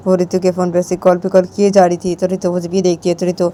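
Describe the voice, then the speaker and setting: A woman's voice: lowish voice, monotone, quick pace, warm tone, slight background noise. A woman hosting her channel, casually retelling a romance story in a plain, repetitive way.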